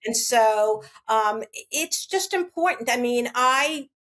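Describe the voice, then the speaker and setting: A middle-aged woman with a fairly high voice tells stories from her work in a casual interview. She is animated and acts out the quoted dialogue as she goes. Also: takes it slowly. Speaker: real estate agent, guest.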